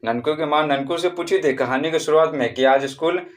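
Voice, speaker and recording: With a Bihari Hindi accent, a man explains a primary-school textbook chapter to pupils, repeating and drilling the answers and drawing out words to show how someone calls out. His voice is a little high and a little fast.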